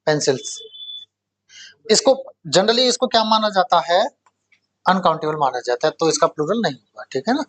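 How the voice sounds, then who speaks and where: A man's voice: high voice, lively intonation, fairly bright tone. Man teaching grammar with constant check-ins. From India. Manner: asks the class questions and answers them himself, often checking "okay?"; repeats key words slowly for emphasis. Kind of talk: classroom grammar lesson.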